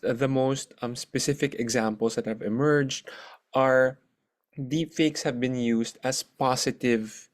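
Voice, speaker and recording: A man, a researcher on a panel, answering an audience question on a video call, pausing often with many ums. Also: medium pitch. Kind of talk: online forum answer.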